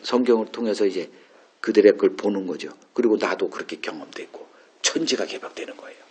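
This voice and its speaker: A man's voice: fairly low pitch, a little fast, darkish tone, a little hiss or hum. A male pastor preaching an informal Bible exposition sermon, musing aloud and posing rhetorical questions to the congregation.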